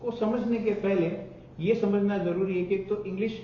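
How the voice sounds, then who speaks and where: A man with a fairly high voice teaches a live classroom lesson and keeps asking the class to answer back. He sounds distant and boomy in a very echoey room, the audio a little muffled, with the students audible around him. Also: steady tone, normal speed, a little hiss or hum. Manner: questioning, prompting students to repeat. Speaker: spoken English teacher.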